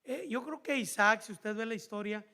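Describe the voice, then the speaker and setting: A man with a Mexican accent preaching a sermon in church, animated and calling the congregation brothers. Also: sits high, moderate pace. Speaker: pastor.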